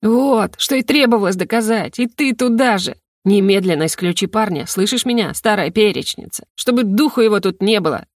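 A woman's voice: mid-range voice, animated, fairly quick, hardly any pauses, no room sound, clean studio sound, close to an everyday voice. A woman voicing a touchy, grumpy male dragon who runs the academy, grumbling and blustering. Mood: indignant.

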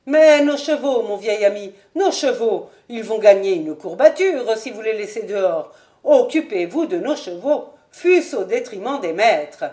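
Woman playing a jovial young nobleman, loud, blunt, slow delivery. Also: mid-range voice, animated, natural voice. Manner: loud, blustering.

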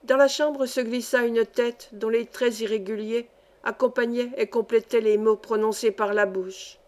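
A woman reading a satirical short story aloud in a measured, expressive way. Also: fairly high pitch. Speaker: reader.

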